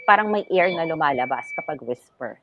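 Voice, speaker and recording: A woman's voice: low voice, animated, brisk, lo-fi sound, crowd noise. A woman ENT doctor, a guest on a health talk show, explaining things patiently in a mix of English and Tagalog.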